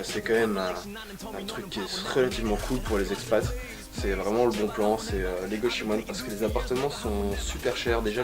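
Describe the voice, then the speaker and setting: Slangy young man vlogging over music. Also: lowish voice. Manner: slangy, swears freely, chatty asides. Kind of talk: casual vlog talk to camera. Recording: hip hop music playing behind.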